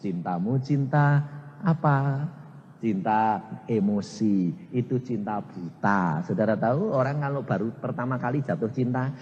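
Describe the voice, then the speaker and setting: A man's voice: medium pitch, unhurried, dull audio. A male evangelist with a Javanese-inflected accent, preaching a sermon and acting out voices in his stories. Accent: Javanese-inflected Indonesian. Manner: animated storytelling, acts out voices in dialogue. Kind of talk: sermon with anecdotes. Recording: long hall reverb.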